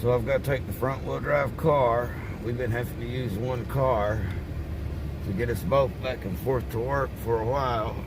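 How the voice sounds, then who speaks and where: A man's voice: fairly even intonation, moderate pace. A man with an Appalachian accent, folksy and plain-spoken, giving casual running commentary as he drives. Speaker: vlogger. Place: outdoors and in a moving car on a snowy road. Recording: noisy car and outdoor rumble. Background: loud vehicle and outdoor noise.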